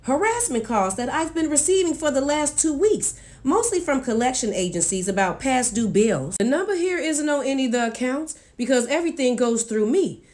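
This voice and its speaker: A woman reading the part of a cool, evasive man who speaks abruptly and in a monotone. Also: high-pitched, normal speed, few pauses. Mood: brusque.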